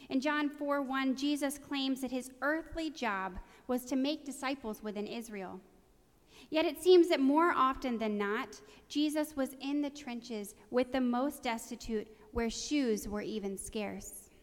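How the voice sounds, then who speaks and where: A woman's voice: sits high, a little slow. A woman preaching a sermon in an earnest, conversational way, with a touch of self-deprecating humor. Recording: long reverb of a large hall.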